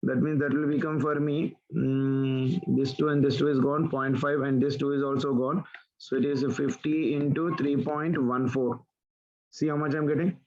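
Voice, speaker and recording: A man's voice: mid-range voice, little pitch movement, normal speed, darkish tone, highs cut off. A man teaching physics in an online class, working through problems step by step and asking students for answers. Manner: talks students through steps, asks questions back. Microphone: online class call.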